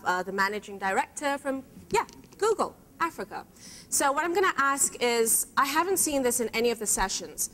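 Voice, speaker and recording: A woman's voice: a little high, fairly bright tone. A woman moderating a conference panel, introducing the panelists politely with some hesitation.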